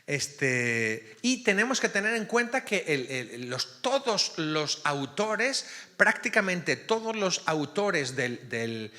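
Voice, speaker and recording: A priest leads a Bible study in a parish hall, checking again and again that his class is following. His voice is bright and sharp-edged, and it swings widely in pitch as he explains. The long reverb of the hall trails after each phrase. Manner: keeps checking in with the class, asking "ok?".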